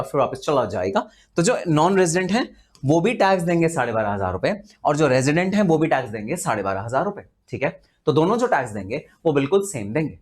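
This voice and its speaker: An Indian man teaching tax in a live online lecture, chatty and animated, asking rhetorical questions and slipping into dramatic asides. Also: on the high side.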